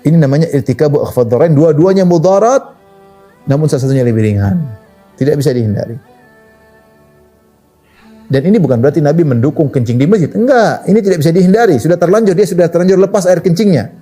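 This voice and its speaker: A man preaching a sermon, telling stories in an animated, conversational way with wide swings in pitch. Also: fast, soft background music. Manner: casual conversational phrasing. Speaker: Islamic preacher.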